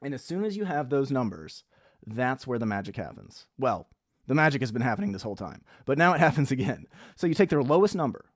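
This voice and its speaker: A man gives a coaching talk straight to camera. His voice sits at an ordinary mid pitch and he sounds blunt and conversational. He acts out little sample dialogues, and the dry room adds no echo. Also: big pitch swings, quick pace. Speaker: online business coach.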